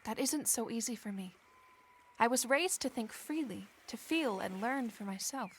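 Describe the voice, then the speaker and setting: High-voiced inquisitive period drama lady. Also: expressive, normal speed, slight background noise. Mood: doubtful, reflective. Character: inquisitive, free-thinking young Regency lady castaway. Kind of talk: stagey period drama acting.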